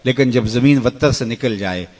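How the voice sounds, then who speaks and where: A middle-aged male preacher giving an emotional sermon. His voice swings from soaring cries to hushed lows, and he chants verses slowly.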